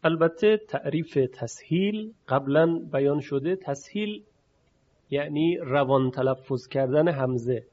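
A man leads a recitation lesson, explaining rules patiently and stretching out sounds to show them. His voice sits a little high. The recording is dull and lo-fi. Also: a little mellow. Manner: patient, demonstrating sounds slowly and repeating them. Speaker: Quran recitation teacher.

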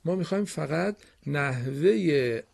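A man with a fairly high, gravelly voice teaches a broadcast reading lesson to young pupils. He explains step by step in a patient, drawn-out way and praises them often. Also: expressive, darkish tone.

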